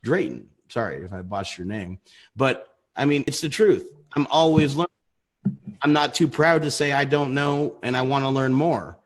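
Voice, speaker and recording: Co-host, male, 30s, husky voice, mid pitch, rambling casual delivery. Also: normal speed. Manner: rambling, restarts sentences. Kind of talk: casual livestream chat.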